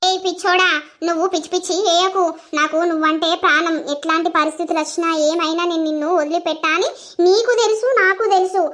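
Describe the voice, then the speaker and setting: Cartoon girlfriend, young, fussing and doting, shrill high voice, woman actor. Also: fairly even intonation, fast talker, fairly bright tone. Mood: coaxing. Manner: coaxing, pleading endearments. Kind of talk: village cartoon voice acting.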